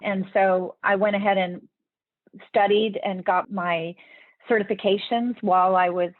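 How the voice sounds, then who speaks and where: Heard through a dry, tinny remote connection that resembles a phone, a female leadership speaker on a podcast gives sincere, explanatory answers, often starting her sentences over. She speaks unhurriedly in a steady, mid-range voice without echo.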